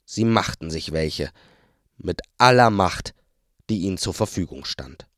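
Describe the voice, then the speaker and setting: Low-voiced man reading a story aloud. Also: expressive, unhurried, no echo, studio quality. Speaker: narrator. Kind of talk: audiobook reading.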